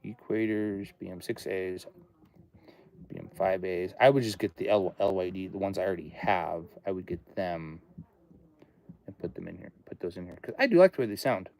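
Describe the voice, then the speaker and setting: Speaking from his home studio, this livestream host in his late thirties talks casually, musing aloud and wandering from topic to topic. His voice sits low and sounds gravelly yet a little mellow, expressive, at a moderate pace.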